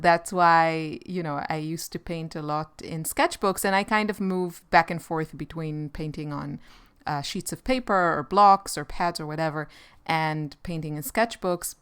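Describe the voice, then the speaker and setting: Israeli lady chatting while she paints, kinda low voice, takes her time, easygoing. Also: clear, resonant tone. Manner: relaxed, rambling, with light laughs. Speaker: artist and channel host. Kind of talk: casual chat while painting.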